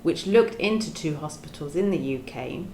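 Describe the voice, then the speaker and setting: A woman from hosts a podcast discussion. She talks in a measured, earnest way and stumbles into small restarts, in a roomy, echoing room. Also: low voice, animated, warm tone, a little hiss or hum. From London, England. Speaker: podcast host. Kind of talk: podcast discussion, partly read from research notes. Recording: roomy echo.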